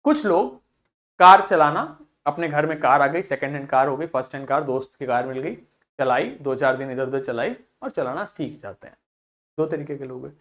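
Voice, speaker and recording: A male English teacher giving a video lesson in Hindi, who asks questions, answers them himself and repeats example words slowly. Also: medium pitch, fairly bright tone.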